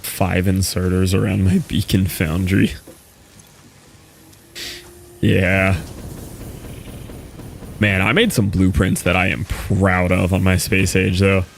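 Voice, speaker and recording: A man's voice: low-pitched, level tone, slow pace, creaky, pauses often, soft background music. A young man streaming a game, talking casually in a rambling, laid-back way with lots of fillers. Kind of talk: casual live-stream commentary while playing.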